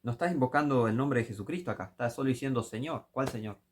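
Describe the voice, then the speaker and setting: A man with a Rioplatense Spanish accent preaching a critical sermon commentary, scolding and rising to impassioned shouts. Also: mid-range voice, very fast, slight background noise.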